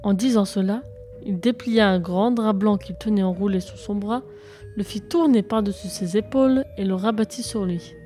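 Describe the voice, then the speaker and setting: A woman narrating a children's story in a lively, expressive read-aloud manner. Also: medium pitch, moderate pace, faint music behind.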